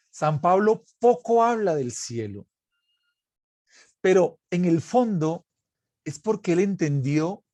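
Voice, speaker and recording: A male priest delivers a sermon at an unhurried pace, and his voice sits a little high for a man. He tells anecdotes and acts out the conversations in them. The recording is dry and close, with no room sound. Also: dark tone, no room sound. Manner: anecdotal, acts out quoted exchanges. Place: parish recording.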